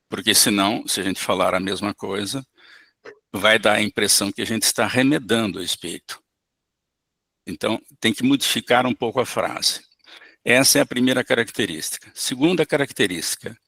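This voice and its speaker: A man giving an online spiritist lesson, calm and explanatory in a teacherly way. His voice is gravelly, with a bright, forward tone. The sound is dry and close. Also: on the low side, dry recording. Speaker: spiritist course instructor. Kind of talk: online lecture.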